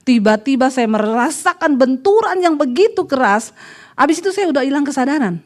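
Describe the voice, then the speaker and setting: High-voiced woman pastor preaching animatedly. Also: a little fast. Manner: animated storytelling, acts out callers' voices. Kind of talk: sermon.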